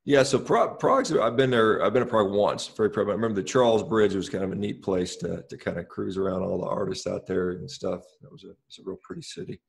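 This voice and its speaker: A middle-aged man co-hosting a podcast, asking questions in a halting way with many repeated words, speaking over a headset on a video call. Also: fairly low pitch, creaky, breathy edge. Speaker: podcast co-host. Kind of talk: casual interview talk.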